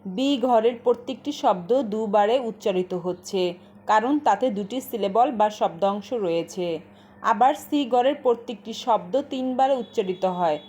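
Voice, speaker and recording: A woman teaching a short lesson in a patient, measured voice-over, explaining terms step by step. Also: mid-range voice, a little mellow, a little hiss or hum.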